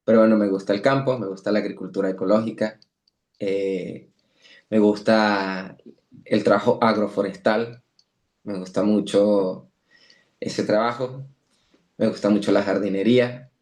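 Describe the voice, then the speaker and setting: Earnest low-voiced Venezuelan man. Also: fairly even intonation, unhurried, long pauses, a little mellow. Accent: Venezuelan Andean. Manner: earnest, firm, repeats and restarts words. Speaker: interview guest. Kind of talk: interview conversation.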